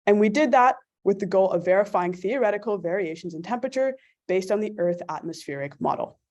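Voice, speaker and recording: A young woman from California presenting a student team project on a video call, in a steady scripted delivery. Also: mid-range voice, a little fast, highs cut off.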